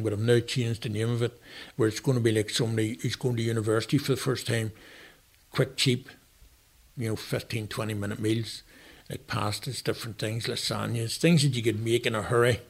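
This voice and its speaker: A man's voice: medium pitch, steady tone, brisk, gravelly. A man in his sixties with a Northern Irish accent, a retired chef chatting as a guest and telling rambling, anecdotal stories. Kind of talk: casual interview chat.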